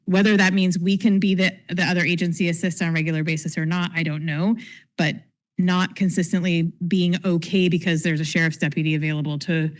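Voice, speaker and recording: A woman on a city council speaking in a halting way with repeated fillers during a meeting in a council chamber. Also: on the low side, level tone.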